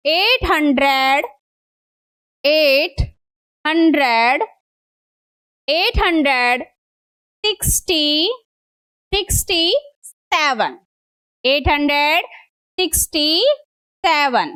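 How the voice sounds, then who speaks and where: A woman teaching a math lesson, coaxing her students with repeated questions and slowing down to spell out numbers. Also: extremely high pitch, fairly bright tone. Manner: slows right down on numbers.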